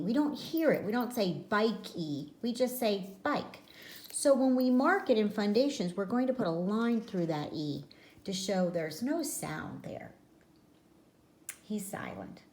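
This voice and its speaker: Slow, patient woman teaching children. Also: mid-range voice, darkish tone. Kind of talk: phonics lesson for children. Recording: echoey room.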